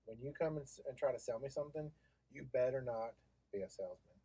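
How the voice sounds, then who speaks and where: Guest, male, husky tone, emphatic, repetitive storyteller. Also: medium pitch, quick pace, warm tone, dry recording, poor audio. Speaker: guest, sign business owner. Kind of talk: casual chat.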